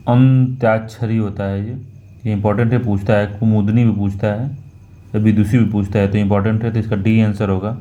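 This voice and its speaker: Man exam tutor, low mellow voice, repeats words and corrects himself, dull lo-fi recording. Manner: slow and repetitive, correcting himself. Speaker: exam prep teacher. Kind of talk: talking through a Hindi test question by question.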